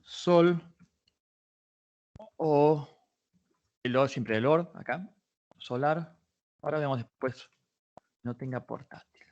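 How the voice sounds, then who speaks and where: In this muffled recording, a man with a slightly high, darkish voice runs a live online patent search tutorial for a workshop. He goes slowly and pauses often, explaining the database search step by step while thinking aloud and frequently starting over to correct himself.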